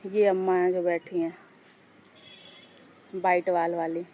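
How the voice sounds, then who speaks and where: A woman vlogger with a hoarse, sore throat, chatting casually and rambling to her viewers as she records outdoors on a two-storey house with a handheld phone. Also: lowish voice, level tone, slow, highs cut off, slight background noise. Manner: rambling, talks straight to viewers as "guys".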